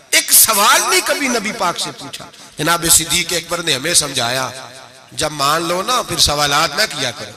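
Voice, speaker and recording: A male preacher with a high voice delivers an emotional sermon. His tone is sharply bright and piercing. He tells the story with passion and throws its dialogue out in rising bursts. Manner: calls on the audience to answer.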